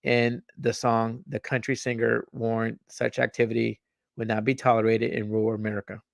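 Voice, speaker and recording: A man's voice: mid-range voice, monotone, moderate pace, vocal fry, no echo. A young man hosting a podcast, reading news aloud and ranting about it, stumbling over words, repeating himself and swearing as he gets heated. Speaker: podcast host.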